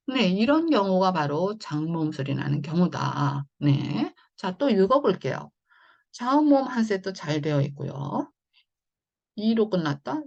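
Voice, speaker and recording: A woman teaching English phonics in an online lesson, explaining patiently and slowly with many fillers. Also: mid-range voice, gravelly, darkish tone, slightly rough, muffled recording.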